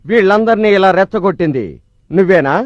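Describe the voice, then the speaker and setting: A man playing a bullying boss villain in a Telugu film drama, blustering and quick to turn from threats to cowardice. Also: sits high, expressive, no echo, lo-fi sound. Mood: menacing contempt. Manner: blustering, menacing. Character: bullying male boss villain, threatening, then craven when cornered.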